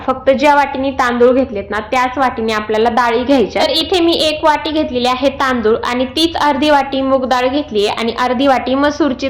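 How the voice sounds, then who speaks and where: A young woman, a mother, explaining a homemade baby food recipe step by step in her home cooking vlog. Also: sits high. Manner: sing-song baby talk to her child. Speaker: vlogger mother.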